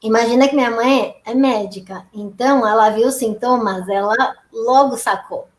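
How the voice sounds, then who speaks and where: A Brazilian woman hosting a live video chat, guiding the talk calmly as moderator. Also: fairly high pitch, normal speed, reverberant. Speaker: host.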